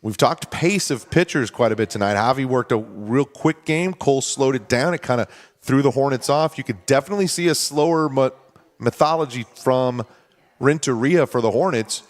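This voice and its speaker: A male baseball announcer with a mid-range voice, calling each pitch in an even, conversational way. Between plays he explains the strategy, keeping a relaxed, steady flow. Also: moderate pace. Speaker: play-by-play announcer. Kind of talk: baseball commentary.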